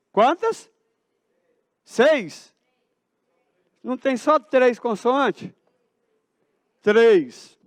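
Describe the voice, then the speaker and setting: High-voiced Brazilian math teacher quizzing class. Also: male voice, no echo. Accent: Brazilian Portuguese. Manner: asks the class questions and answers them himself. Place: school auditorium.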